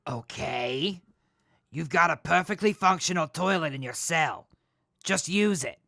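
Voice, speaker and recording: A woman's voice: deep voice, animated, unhurried, vocal fry, sharp tone, dry recording, studio quality, exaggerated voice. A woman playing a wary, by-the-book but casual jail guard in an audio drama. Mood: awkward, practical.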